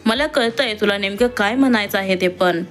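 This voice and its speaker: A woman's voice: medium pitch, moderate pace, faint music behind, lightly acted. A woman voicing a shy, hesitant young woman from a poor family in a read-aloud story. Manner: hesitant, soft-spoken. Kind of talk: storybook reading.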